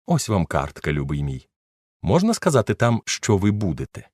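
A man's voice: fairly low pitch, wildly swooping pitch, normal speed, a little mellow, no room sound, studio quality. A man voicing a gushing, fussy society duchess who coaxes and coos. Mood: coaxing.

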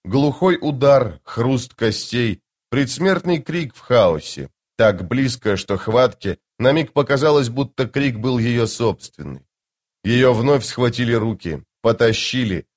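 A man narrating a fantasy audiobook dramatically, slowing down for tense moments. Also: mid-range voice, a little mellow. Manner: dramatic, slowed for tension.

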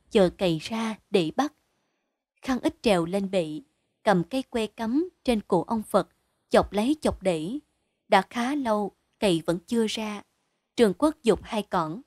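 A woman narrates a short story in a steady, measured way. Her voice sits at an ordinary middle pitch. The recording is dry and close, with no room sound around it. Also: no room sound. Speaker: audiobook narrator.

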